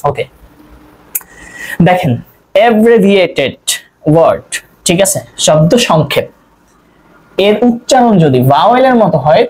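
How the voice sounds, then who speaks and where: A young male English tutor from Bangladesh runs an online grammar class in a soft, mellow voice. He fires off rhetorical questions and answers each one himself. He repeats every point like a drill. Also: high-pitched, rough recording.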